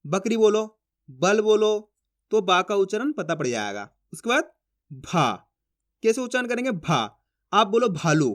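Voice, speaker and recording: A teacher giving a spoken Hindi alphabet lesson, slowly drawing out each syllable with example words and often checking whether the learner has understood. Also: medium pitch, a bit bright. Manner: keeps checking understanding with short questions.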